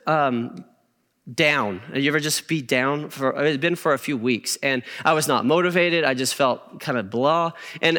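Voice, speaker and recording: Male pastor, middle-aged, chatty preaching, frequent "okay?", bright tone, echoing hall. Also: on the high side, clear, resonant tone. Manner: conversational, frequent "okay?" check-ins. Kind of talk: sermon with personal stories. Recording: reverberant hall.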